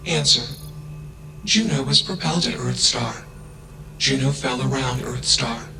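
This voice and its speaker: Juno, a man playing a flat emotionless AI. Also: medium pitch, a little slow, creaky. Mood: flat, robotic. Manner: flat emotionless delivery, each statement tagged with a label. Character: emotionless self-aware AI, curious and literal. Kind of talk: video game voice acting. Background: game music.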